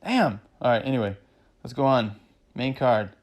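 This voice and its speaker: A man casually recapping fight results, excitable and rambling, swearing freely and peppering his talk with "man" and "you know". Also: mid-range voice, normal speed, highs cut off. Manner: acts out fighters' thoughts in quoted asides. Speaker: MMA vlogger recapping fights.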